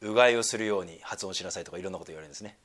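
A man giving a sermon, moving between quiet, low asides and emphatic, slow readings of scripture. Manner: wide swings between hushed asides and emphatic raised reading; slows down to read scripture deliberately. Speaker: pastor.

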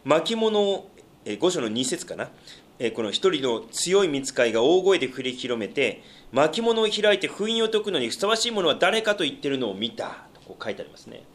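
A man's voice: a little high, sing-song, a little fast. A pastor teaching a Bible study, explaining step by step with hesitant fillers and questions put to his listeners.

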